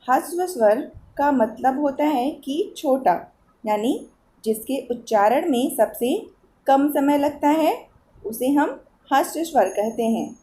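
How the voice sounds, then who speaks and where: Slow, patient woman teaching young pupils. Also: high voice, lively intonation, dark tone, a little hiss or hum. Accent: Eastern Uttar Pradesh Hindi. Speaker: school teacher. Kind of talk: Hindi grammar lesson for children.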